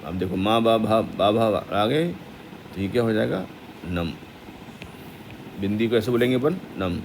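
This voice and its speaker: A man teaching the pronunciation of a Sanskrit hymn, explaining quickly and then reciting the verses slowly. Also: on the low side, animated, gravelly, a little hiss or hum.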